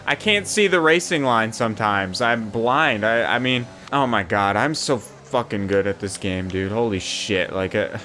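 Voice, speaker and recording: A young man casually commentating his own racing game session, swearing often and rambling between excited yelps. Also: on the low side, a little slow, few pauses. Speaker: gaming YouTuber.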